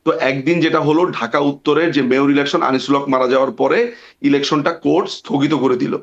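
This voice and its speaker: A man's voice: a little high, a little fast, creaky. A man, a barrister guest on an interview show, telling a long story with hesitations and reenacted dialogue. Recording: dull lo-fi sound.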